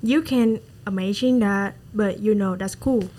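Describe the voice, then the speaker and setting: A woman with a Vietnamese accent talks in a student discussion role-play. She pauses and restarts as she hunts for words. Her phrasing stays simple and chatty, at an everyday pitch. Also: warm tone, low-quality recording. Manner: halting, searching for words, plain chatty phrasing.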